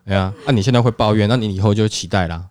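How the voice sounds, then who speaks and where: A man with a Taiwanese accent chatting casually as a podcast co-host, animated, swearing freely and acting out quotes. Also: fairly low pitch, racing, clear, resonant tone, dry recording. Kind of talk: casual chat.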